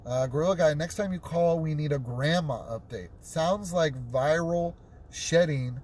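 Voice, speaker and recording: A man's voice: on the high side, moderate pace, darkish tone, a little hiss or hum. Man chatting from behind the wheel. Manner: repeats words and restarts often. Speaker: call-in show host. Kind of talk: casual live-stream chat, reading viewer comments. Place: inside a car, driving.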